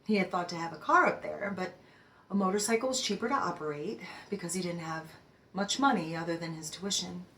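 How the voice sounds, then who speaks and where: A woman playing a devout older mother who slowly and reflectively recalls a loss, sometimes dropping to a soft whisper. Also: lowish voice, a little hiss or hum. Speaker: actor reading a monologue. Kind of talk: dramatic monologue read-through.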